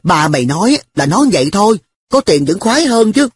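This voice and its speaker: A man's voice: sits high, sing-song, brisk, husky, no echo, voice pushed up, full character voice. A man voicing a carefree schoolboy who shrugs off studying, talking in an offhand, nonchalant way.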